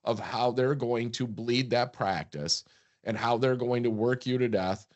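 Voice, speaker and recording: A man's voice: mid-range voice, a little slow, dull audio. A man co-hosting a business podcast, talking emphatically and often repeating words as he builds a point. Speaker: podcast co-host, practice transition advisor. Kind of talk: casual podcast chat.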